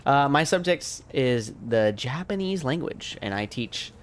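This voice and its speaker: A man's voice: medium pitch, animated, unhurried. A man from the United States chatting casually with viewers on a late-night game stream, tired and losing his voice. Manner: laid-back, rambling, chatting to viewers. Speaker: streamer and language teacher. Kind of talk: casual livestream chat while gaming.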